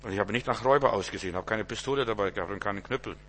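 German-speaking pastor preaching casually. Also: male voice, on the low side, very fast, fairly bright tone, a little hiss or hum. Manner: conversational preaching, rhetorical asides, repeated stammered words. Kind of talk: informal sermon.

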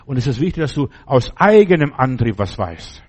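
A man's voice: mid-range voice, very animated, moderate pace, slightly rough. A man preaching a sermon, talking straight to the listener and asking again and again whether they understand. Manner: speaks to the listener directly with repeated questions; emphatic, fervent preaching.

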